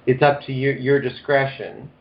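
A man calling in over a phone speaker, asking questions politely and hesitantly, with many pauses. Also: mid-range voice, fairly even intonation, creaky. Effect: heard over a phone speaker. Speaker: caller. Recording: dull phone line with faint noise.

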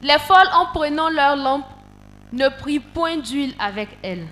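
A woman reads scripture aloud in a steady, measured way. Her voice is high and bright. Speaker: scripture reader.

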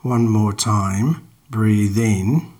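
In a lowish voice, a man leads a guided meditation; his delivery stays calm and measured, never rushed, with long pauses separating the instructions.

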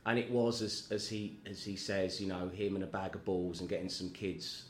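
A man with a fairly low voice tells stories in a loose, rambling way. He laughs at himself often and keeps the tone self-deprecating. The room is echoey, with faint ambience behind him. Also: steady tone, normal speed, a little hiss or hum. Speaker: guest. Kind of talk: casual chat.

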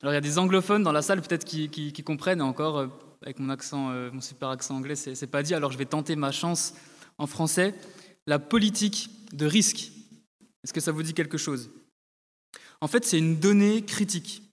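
A man's voice: fairly high pitch, brisk. Man preaching in a reverberant hall. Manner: hesitant, repeats words, addresses the congregation directly. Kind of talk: sermon. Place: church hall.

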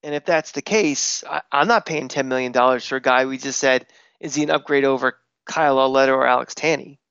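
A man co-hosting a casual sports podcast, blunt and opinionated, talking in quick bursts. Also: medium pitch, vocal fry, fairly bright tone, clean tone, dry recording, lo-fi sound. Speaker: podcast co-host.

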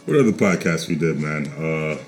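A man's voice: rumbling low, lively intonation, moderate pace. A man co-hosting a podcast, chatting casually with loose, profane, joking storytelling and lots of slang over music. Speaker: podcast co-host. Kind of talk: casual chat. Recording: music bed underneath.

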